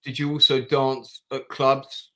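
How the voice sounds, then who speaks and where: A man's voice: medium pitch, flat delivery, slow, a bit bright. Man, interview host, friendly, repeats words, casual questions. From Denmark.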